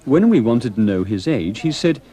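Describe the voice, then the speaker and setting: A man's voice: mid-range voice, very animated, moderate pace, mellow, breathy edge. A man reading scripted narration for a travel documentary.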